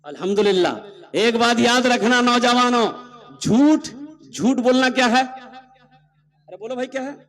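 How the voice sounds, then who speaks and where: A man giving a humorous sermon at a public gathering. He swings between loud exhortation and low asides, and quotes dialogue in changed voices. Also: moderate pace, long pauses. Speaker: preacher.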